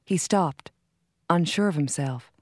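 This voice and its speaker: A woman reading a short romantic story aloud in a calm, measured narrating voice. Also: deep voice, slightly rough, no echo, studio quality. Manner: calm, measured reading with soft quoted dialogue.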